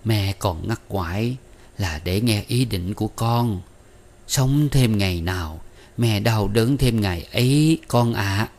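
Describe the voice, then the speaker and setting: A man voicing a frail, ailing old mother who pleads slowly and wearily with her daughter. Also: lowish voice, creaky, a little mellow. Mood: sorrowful. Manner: slow, weary, pleading.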